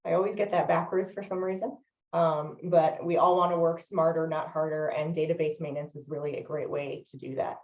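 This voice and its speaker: A woman trainer leading a software training webinar, explaining steadily with frequent "um" fillers. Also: low-pitched, fairly even intonation, fairly quick. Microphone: video call microphone. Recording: distant, roomy, dull lo-fi webinar audio.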